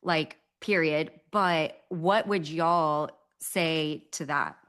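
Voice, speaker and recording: A woman's voice: low voice, very slow, a bit bright. A woman hosting a casual podcast chat, easygoing and full of short agreements, thinking aloud as she frames her question. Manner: easygoing, frequent short agreements, searching phrasing.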